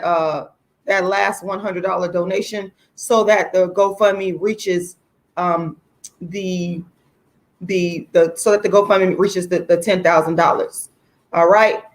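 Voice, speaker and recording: A woman who is a livestream host and activist talks to her viewers casually, being informal, outspoken and emphatic. Her mid-range voice is slightly hoarse.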